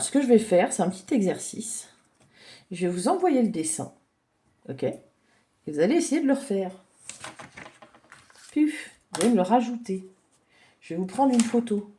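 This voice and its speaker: A woman giving a gentle, chatty drawing lesson for children, thinking aloud as she tells a story. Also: on the high side, sing-song, a little slow, pauses often.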